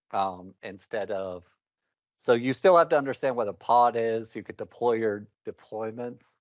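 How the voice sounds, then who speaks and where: A man presents to a live meetup audience, wandering through his points with a wry, candid humor. His voice sits at an ordinary pitch. The recording is dry and a little muffled. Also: no room sound. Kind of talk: technical talk to a live audience.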